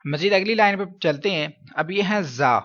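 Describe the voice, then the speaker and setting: Pakistani man teaching slow recitation drills. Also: high-pitched, animated, fairly bright tone, dull audio. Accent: Pakistani Urdu. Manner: slow drawn-out spelling drills, checks in with "okay?". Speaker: Quran reading teacher. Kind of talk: step-by-step recitation lesson.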